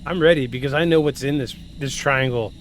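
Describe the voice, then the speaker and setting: Brisk and mid-range, the voice belongs to a man in his forties who hosts a podcast. He moves from scripted narration into joking, self-deprecating chat, and there's slight background noise.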